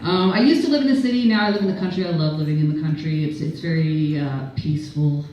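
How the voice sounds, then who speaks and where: A Canadian stand-up comedian performs a rambling, self-deprecating set at an event venue, laughing at her own jokes as the audience laughs behind her. Her deep, mellow voice moves at a quick pace. The dull audio was captured from far off in an echoey room.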